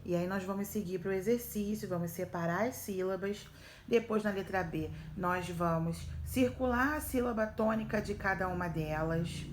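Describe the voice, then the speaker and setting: A woman's voice: mid-range voice, normal speed, slight background noise. A woman schoolteacher with a Brazilian accent patiently walks young pupils through workbook exercises, checking in often. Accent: Brazilian Portuguese. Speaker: primary school teacher. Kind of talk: recorded remote lesson walkthrough.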